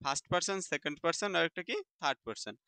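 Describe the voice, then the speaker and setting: A man's voice: fairly high pitch, animated, fast talker, sharp tone, clean tone, dry recording. A man teaching English grammar in Bengali, asking questions and answering them himself, repeating key terms. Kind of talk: classroom lesson in Bengali.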